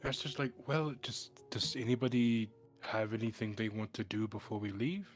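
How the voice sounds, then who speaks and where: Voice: medium pitch, normal speed, soft background music. A tabletop game player who stammers through questions and laughs often. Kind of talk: casual chat at a game table.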